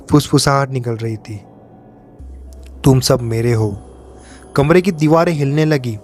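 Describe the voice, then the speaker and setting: A man narrating a horror story in a steady, dramatic way. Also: medium pitch.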